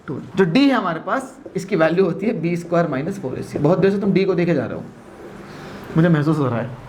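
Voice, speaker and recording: A man's voice: sits high, slight background noise. A male math teacher giving a classroom lecture, constantly asking his students questions and mixing Hindi with English.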